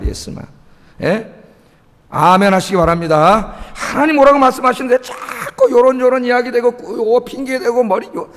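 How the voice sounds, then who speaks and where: A man's voice: high voice, a bit bright. A male pastor preaching a sermon with emphasis, often prompting the congregation for responses. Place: church sanctuary. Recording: long reverb of a church sanctuary.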